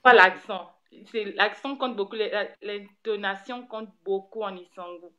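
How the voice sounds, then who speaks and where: A woman's voice: medium pitch, unhurried, highs cut off, crowd noise. Patient woman teaching pronunciation. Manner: patient, corrects pronunciation and praises. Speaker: teacher, the learner's mother. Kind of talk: casual language lesson.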